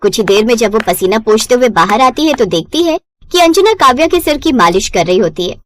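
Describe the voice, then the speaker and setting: A woman narrates a cartoon story in a high, clear voice with lively pacing. The reading is scripted and even. The recording is close and dry. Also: brisk, no echo.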